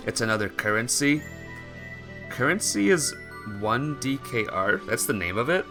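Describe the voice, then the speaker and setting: With music playing behind him, a man streaming a visual novel alternates between chatting casually with his audience and reading the story aloud expressively. His voice is medium-pitched and very animated, at a moderate pace.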